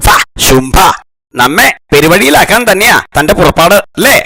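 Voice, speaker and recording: A pompous middle-aged lord in a kids' cartoon, calling his servants fools and speaking of himself as "we". His voice sounds bright and gravelly. It swoops high when he gets indignant. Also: big pitch swings, normal speed, dry recording, exaggerated voice. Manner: haughty scolding, royal "we", insults servants. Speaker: title character of a cartoon.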